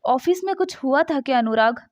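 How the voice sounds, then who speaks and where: A woman's voice: high voice, lively intonation, moderate pace, a little mellow, no echo. A woman voicing a caring young wife who is emotional and concerned for her family. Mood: worried. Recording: dull dry lo-fi sound.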